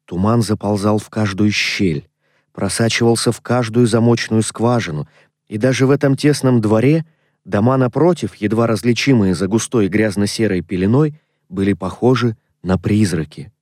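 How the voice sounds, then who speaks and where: A man narrating a classic story in a measured, expressive way. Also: on the low side, no room sound, clean studio sound. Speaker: audiobook narrator. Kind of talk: scripted literary narration.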